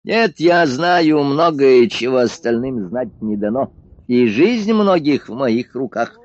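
A man voicing a creaky-voiced, grumbling old doctor with a bossy, peevish way of talking. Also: medium pitch, lively intonation, slow pace, darkish tone, no echo, pitched above the performer's own voice. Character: grumpy old doctor with a grey beard, male. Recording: dull dry lo-fi studio recording.

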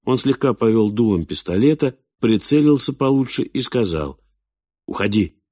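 A man narrating a science fiction novel as an audiobook, in a measured, even way. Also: medium pitch, dry recording, clean studio sound.

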